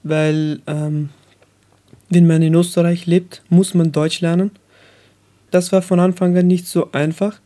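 Young guy from afghanistan on the radio, slow and hesitant, flat mellow voice. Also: a little high. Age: young adult. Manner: hesitant, searching for words, many fillers. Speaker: guest. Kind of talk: radio interview.

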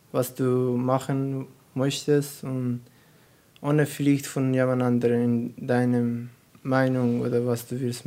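A teenage boy from Afghanistan, a non-native speaker of German, talking haltingly as a radio guest. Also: mid-range voice, darkish tone. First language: not German. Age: teens. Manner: halting, searching for words. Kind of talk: youth radio discussion.

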